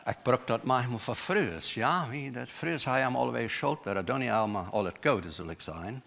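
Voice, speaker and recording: A man preaching a sermon in a church, with a Low German accent, mixing German and English words into his talk in an emphatic way. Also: moderate pace, vocal fry, a bit bright. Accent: Mennonite Low German.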